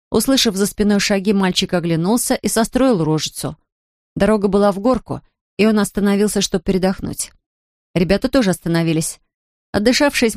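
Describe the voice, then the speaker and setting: A woman reading a children's story aloud in a calm, steady narration. Her voice sits at a middle pitch, and the recording is close and very dry with no room sound. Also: no room sound. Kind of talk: audiobook narration.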